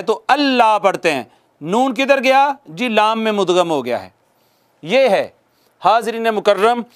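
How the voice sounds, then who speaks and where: In a formal classroom lesson on tajweed rules, a man with a high-pitched voice explains Quran recitation one rule at a time. He asks questions only to answer them himself, and he says Arabic examples again slowly and at length.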